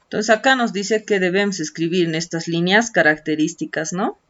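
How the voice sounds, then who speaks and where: Speaking at a moderate pace in a fairly bright, lowish voice, this teacher guides her online class patiently through textbook tasks one step at a time. Key words get drawn out as she writes them, and she frequently ends with a questioning tag, all on dull, lo-fi screen-recording audio.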